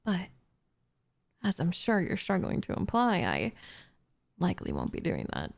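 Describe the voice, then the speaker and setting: A woman's voice: on the low side, wildly swooping pitch, a little slow, vocal fry, full character voice. A woman voicing a doting, possessive witch in an intimate ASMR roleplay, cooing and teasing with smug condescension, often slipping into a whisper close to the microphone. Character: doting, possessive young witch turning captive into pet cat.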